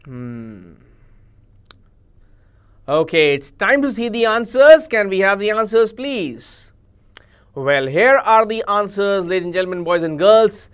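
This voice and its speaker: Man, Indian accent, exam coaching teacher, live online vocabulary lesson, unhurried delivery, coaxing and repetitive. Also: high-pitched, big pitch swings, a bit bright, clear, resonant tone. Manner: coaxing, repeats each answer and urges viewers to type.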